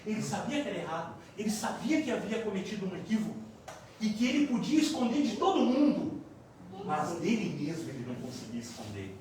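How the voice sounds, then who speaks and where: A man giving a spiritist lecture, telling a story dramatically with big swings in loudness. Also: sits high, big pitch swings, fairly quick. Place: lecture hall. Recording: echoey hall from far off, faint noise.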